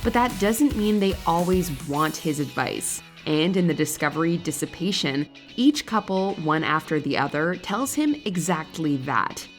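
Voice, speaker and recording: A woman's voice: fairly low pitch, lively intonation, unhurried. A woman reading scripted narration for a countdown list. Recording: music behind the voice. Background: background music.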